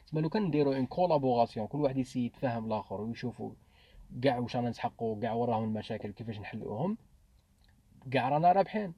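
A man's voice: mid-range voice, lively intonation, very fast, slightly rough, lo-fi sound. A man with an Algerian accent talking through ideas in a casual podcast discussion, slipping between Arabic and French. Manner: mixes French into Arabic, thinks aloud with restarts.

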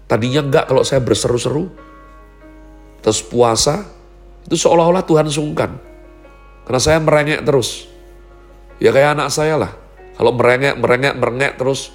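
A man preaching a sermon in an animated way, acting out quoted voices. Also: mid-range voice. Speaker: pastor.

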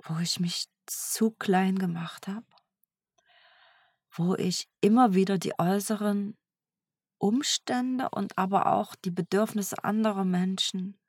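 Slow, breathy, soft-spoken woman. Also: mid-range voice, no echo, clean studio sound. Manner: soft and searching, often whispered. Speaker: energy healer. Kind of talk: introspective spoken self-dialogue.

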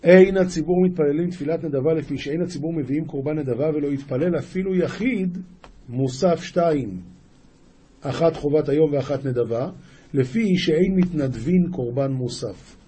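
This rabbi's voice is a little high, mellow, and slightly rough. In his daily lesson he reads an ancient passage and explains it phrase by phrase, with frequent word restarts and self-corrections.

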